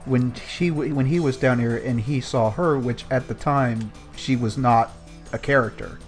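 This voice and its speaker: A measured man with a medium-pitched voice reasons aloud as a panelist on a book club podcast, casually discussing a video game's story. Background music plays under his talk.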